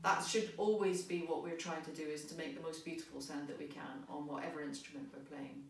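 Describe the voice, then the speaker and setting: A woman's voice: low-pitched, fairly even intonation, brisk, slight background noise. A woman music tutor giving cheerful, encouraging step-by-step instructions to young players. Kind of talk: friendly instructional talk. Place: unfamiliar large venue. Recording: echoey venue, voice from a distance.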